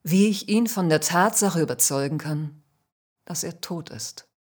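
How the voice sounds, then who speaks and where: A woman calmly narrating a first-person spiritual story in a measured, soft-spoken way. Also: fairly low pitch.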